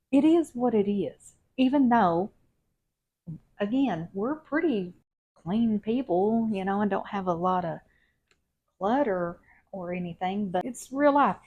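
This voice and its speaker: A lifestyle vlogger in her 50s tidies her home while chatting casually with viewers in a rambling, folksy manner. Her voice is mid-range and mellow, picked up on a wired clip-on mic.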